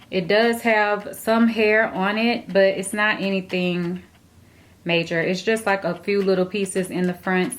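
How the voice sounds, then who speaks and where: A woman hair vlogger talking viewers through a wig tutorial in a chatty, relaxed way. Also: medium pitch. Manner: chatty, relaxed, addresses viewers as dolls and guys. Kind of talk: casual tutorial talk to camera. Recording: roomy echo.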